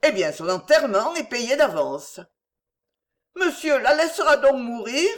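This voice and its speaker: A woman's voice: high-pitched, expressive, a little slow, pitched above the performer's own voice. A woman voicing a bold, impudent old beggar woman who pleads and answers back. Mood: cheeky.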